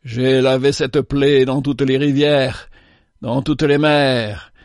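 A man's voice: mid-range voice, flat delivery, slow pace, darkish tone, no echo, studio quality. Man doing a tormented cursed old vagabond. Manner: anguished, declamatory outbursts. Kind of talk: storybook reading.

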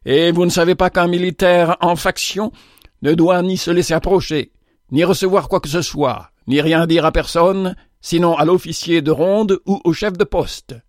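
A man's voice: fairly high pitch, steady tone, normal speed, no echo, pitched above the performer's own voice, close to an everyday voice. Through a dry, close sound, a strict old army sergeant lectures his young men in a firm, set voice, as a man reads him out. The tone is somewhat raised, and he is a hardened veteran. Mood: stern.

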